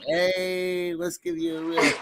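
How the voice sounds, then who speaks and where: A man's voice: high voice, monotone, slow, heavy background noise. A man hosting a casual livestream talk show, hyping up viewers and repeating his call-outs. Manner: hype, calls out to viewers, repeats phrases. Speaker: host.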